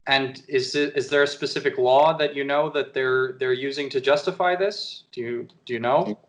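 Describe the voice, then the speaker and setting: A man's voice: mid-range voice, normal speed. A man working as an interviewer, asking casual questions and rephrasing them as he goes.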